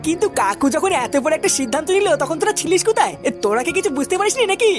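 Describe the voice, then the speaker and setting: A woman's voice: very high voice, very animated, very fast. A woman voicing a brash, bossy cartoon village lad. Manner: brash, scolding. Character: bossy young village man, gang leader. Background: background music.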